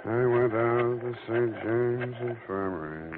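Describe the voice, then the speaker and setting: A man's voice: mid-range voice, takes it slowly, very noisy, natural voice. An actor playing a wisecracking male private eye who narrates his case in a dry, sardonic 1940s radio drama style. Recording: tinny old radio broadcast with loud music.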